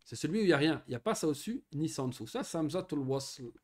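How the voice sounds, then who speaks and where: Male teacher, slightly high, very animated pitch; patient, checks in often with young pupils. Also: very fast. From Morocco. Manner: patient, lively explanations with frequent checking questions. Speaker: Arabic teacher. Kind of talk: online Arabic grammar lesson for children.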